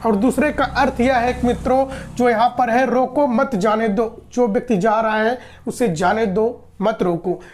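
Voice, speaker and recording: A woman's voice: on the high side, steady tone, normal speed, few pauses, a little mellow. Woman teaching in speech. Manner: explanatory, repeats and rephrases, asks and answers own questions. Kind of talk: exam-prep lecture.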